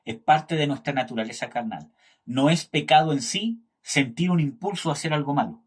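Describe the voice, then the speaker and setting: Husky man teaching a Bible class. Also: a little high, normal speed. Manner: keeps checking in with "¿cierto?" and searches for words aloud.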